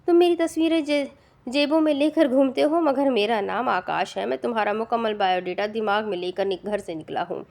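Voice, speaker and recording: A woman's voice: on the high side, vocal fry, darkish tone. A woman voicing a ruthless young male avenger. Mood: threatening. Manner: harsh, commanding, contemptuous.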